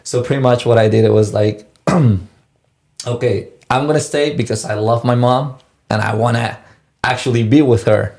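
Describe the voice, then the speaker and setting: Young man, halting storyteller, restarts a lot. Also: medium pitch, fairly even intonation, darkish tone. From Mexico. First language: Spanish. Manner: halting, restarts and repeats words. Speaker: guest. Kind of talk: casual personal storytelling.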